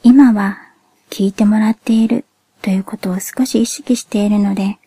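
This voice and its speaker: A woman podcast host speaking a soft, whispered monologue in a cute, childlike anime-like voice, gently and politely. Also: medium pitch, steady tone, slightly rough, no echo. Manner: gentle, polite, measured delivery.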